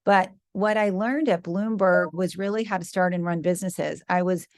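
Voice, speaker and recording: A woman in her fifties from Michigan in the US Midwest, a company founder guesting on a podcast interview, tells her story warmly with easy, light laughs. Her voice is lowish at a moderate pace, recorded with studio quality and no echo.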